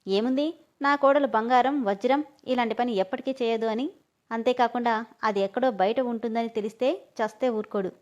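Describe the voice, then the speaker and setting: A woman's voice: fairly high pitch, normal speed, darkish tone, muffled recording, natural voice. A woman voicing a scornful middle-aged father who scolds his family, in a storybook reading.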